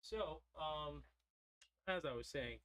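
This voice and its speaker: A man's voice: fairly high pitch, takes it slowly, fairly bright tone. A young man streaming while he draws, chatting casually and drifting into side stories. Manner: rambling, digressive storytelling. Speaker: streamer drawing a character.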